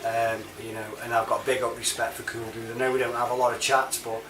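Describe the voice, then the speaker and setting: Speaking quickly at a medium pitch with little movement in his voice, a British online reviewer who uses a CB chat app chats away in a casual, rambling, matey monologue heavy on slang. The sound is roomy, from a distant mic, with clear background noise.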